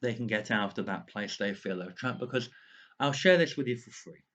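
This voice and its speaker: A man's voice: fairly low pitch, moderate pace, a bit bright, dull audio. A man with a slight lisp, talking earnestly and rambling a bit straight to the viewer in a video diary from his home. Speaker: author vlogger. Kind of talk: casual lockdown video diary. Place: at home indoors.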